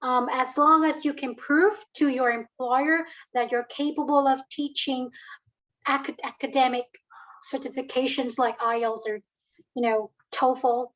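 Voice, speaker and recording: High-voiced woman, hesitant and chatty. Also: fairly even intonation, unhurried, a bit bright, low-quality recording. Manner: hesitant, many fillers and restarts. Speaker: alumna guest. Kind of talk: casual interview answers.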